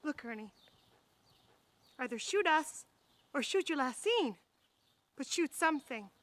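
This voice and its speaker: A woman's voice: sits high, lively intonation, a little slow, a bit bright. An actress playing a determined young pregnant woman who speaks firmly and resolutely. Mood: impatient. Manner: firm, resolute.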